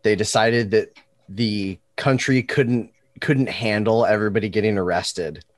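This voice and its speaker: A man's voice: fairly low pitch, steady tone, a little slow, dry recording, clean studio sound. A man co-hosting a podcast, talking bluntly and swearing in casual chat. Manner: blunt and profane. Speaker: podcast co-host.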